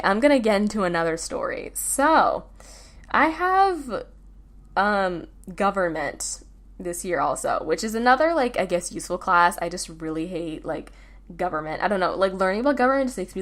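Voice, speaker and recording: A teenage girl talks through her school days on her own podcast, loose and rambling, full of fillers and self-corrections. Her voice sits a touch lower than most girls'. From United States. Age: teens. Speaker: podcast host. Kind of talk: casual solo chat.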